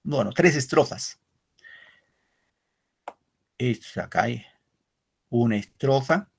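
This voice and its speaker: A middle-aged male literature teacher giving an online class, explaining slowly with repetitions and frequent "¿no?" checks to his pupils. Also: mid-range voice, expressive, creaky, breathy edge. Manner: explains with repetition and asks "¿no?" often; addresses pupils as "queridos muchachos".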